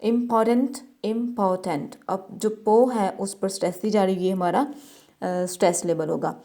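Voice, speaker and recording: A woman with a Pakistani accent works through a textbook exercise as a teacher. She reads each English word aloud, then explains its meaning in Urdu-Hindi, in a steady lesson pace. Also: mid-range voice, normal speed.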